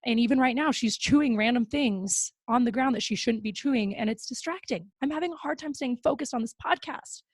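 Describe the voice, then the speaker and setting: Young woman host, bubbly casual talker, slightly high pitch, dry close-miked sound. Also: fairly quick, few pauses, dry recording. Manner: upbeat and chatty, with frequent fillers. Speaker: podcast host. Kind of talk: casual podcast chat. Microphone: close podcast mic.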